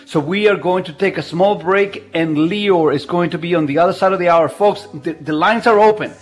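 Male radio host, high-pitched, casual and jokey, broadcasting from home. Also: normal speed, husky, faint music behind. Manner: chatty, jokey, laughs often. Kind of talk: casual live radio talk. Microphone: video call.

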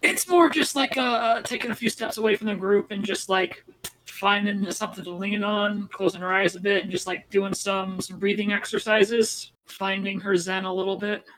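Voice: mid-range voice, fairly even intonation, normal speed, dry recording, low-quality recording. A player in a tabletop game describing their character's actions hesitantly. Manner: soft, hesitant, full of "like".

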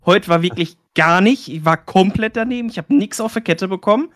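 A man's voice: sits high, fairly quick, fairly bright tone, no room sound, clean studio sound. A man who commentates esports, chatting casually and a little hesitantly. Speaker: esports caster. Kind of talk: casual podcast chat.

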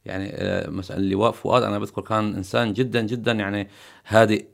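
Gravelly, fast-talking Syrian man. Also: lowish voice, little pitch movement. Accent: Syrian Arabic. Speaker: podcast guest. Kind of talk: recounting memories in conversation.

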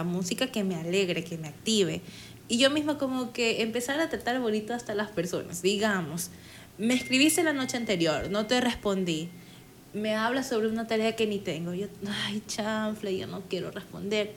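A woman talking casually in a conversation, chatty and quick to act out small quoted moments. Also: mid-range voice, slight background noise.

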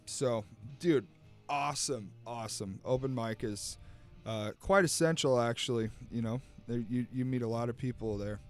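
A man's voice: mid-range voice, normal speed. Man, easygoing podcast co-host, agreeable, casual chat, faint music underneath. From Arizona, USA. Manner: affirming, easygoing, says "absolutely" a lot.

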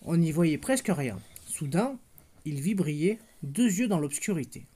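A parent reading a bedtime story aloud, gentle and unhurried, stopping now and then to talk with the child. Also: medium pitch, lively intonation, husky. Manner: gentle, stops to chat with the child.

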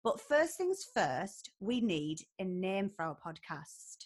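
A woman's voice: mid-range voice, very animated, takes it slowly, husky. A woman chatting casually as a podcast host, in a breezy, jokey way.

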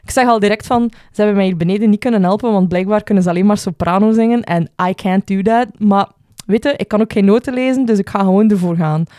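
Flemish woman with a low alto voice. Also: quick pace, no echo, clean studio sound. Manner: lively storytelling with swearing. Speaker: podcast co-host. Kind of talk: casual podcast chat.

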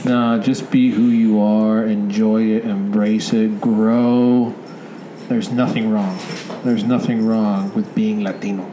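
A man's voice: on the low side, slow pace. A man co-hosting a casual podcast, laid-back and agreeable, often laughing. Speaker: podcast co-host. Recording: roomy with steady background hiss.

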